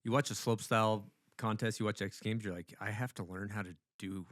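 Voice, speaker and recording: A man's voice: fairly low pitch, fairly even intonation, a little fast, fairly bright tone, no echo, clean studio sound. A man co-hosting a podcast, chatting in a laid-back way with casual slang. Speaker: podcast co-host.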